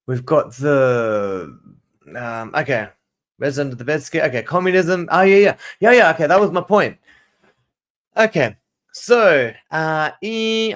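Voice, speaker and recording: A man with a mixed South African and Australian accent teaching a casual livestream lesson, rambling and correcting himself as he goes. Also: on the high side. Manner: rambling, digressive, self-correcting. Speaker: teacher hosting a live study session. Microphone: camera mic.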